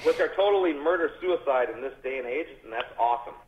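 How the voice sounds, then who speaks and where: Over a muffled, tinny speakerphone line, a band member interviewed by phone talks fast and animatedly in a mid-range voice, with a crowd audible in the background. His casual joking chat is loose, crude and rambling, broken up by laughs.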